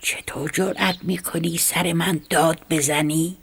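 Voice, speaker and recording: Woman whispering a boastful storybook snake, husky and low, sleepy menace, whispered role-play. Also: steady tone, heavily acted. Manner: drowsy, threatening, boastful. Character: smug lazy bullying male snake.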